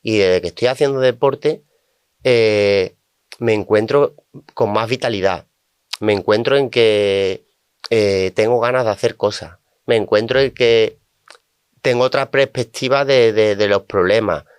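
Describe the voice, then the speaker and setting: A man from Spain with a low, smooth and resonant voice tells stories from his coaching work. He often acts out his clients' words in quick asides. The studio sound is dry and close. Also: no room sound. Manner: animated, quotes clients in asides. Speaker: coach and guest. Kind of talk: conversational storytelling.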